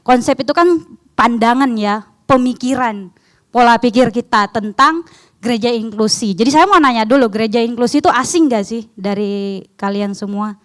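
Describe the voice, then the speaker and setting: Young woman, foreigner speaking Indonesian, foreign accent, higher-pitched smooth voice, informal seminar presenter, conversational. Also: normal speed. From outside Indonesia. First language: not Indonesian. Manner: foreigner speaking Indonesian, conversational, often asking listeners questions.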